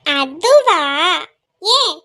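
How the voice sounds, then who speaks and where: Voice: very high-pitched, sing-song, drawn-out words, bright, forceful tone, full character voice. A woman voicing a cheeky teenage village girl who bickers, teases and makes playful threats. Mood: teasing. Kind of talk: amateur audio drama acting.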